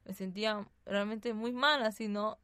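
A woman with a mid-range, smooth voice speaks a little slowly, with no room sound in the recording. She's a radio guest offering a hesitant personal testimony, soft-spoken, often ending her sentences with "así, ¿no?".

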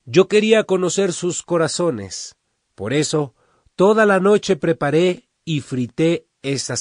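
A man voicing a gentle, wise king who speaks to his people in a story. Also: mid-range voice, dry recording, studio quality.

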